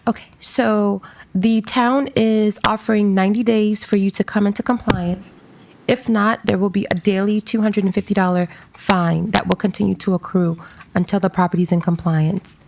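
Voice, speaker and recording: Woman hearing magistrate, gravelly and procedural, courtroom recording with light hiss. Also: medium pitch, fairly even intonation, darkish tone. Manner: measured, procedural, with frequent fillers. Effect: courtroom recording from a hearing room. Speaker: special magistrate presiding over a hearing. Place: public hearing room.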